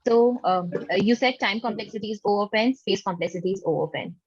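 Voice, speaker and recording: Woman technical interviewer, reassuring, husky, dry lo-fi call sound. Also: medium pitch, fast talker, no echo. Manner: reassuring, patient, tentative phrasing. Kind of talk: formal but conversational mock interview. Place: online video call with screen sharing. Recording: dull lo-fi online call, dry.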